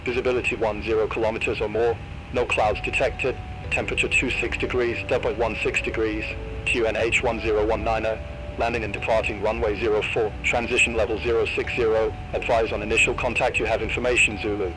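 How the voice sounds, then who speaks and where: A man's voice: fairly low pitch, little pitch movement, a little fast. A man's voice reading an automated airport weather broadcast over the radio, going through wind, visibility and runway figures in a set order.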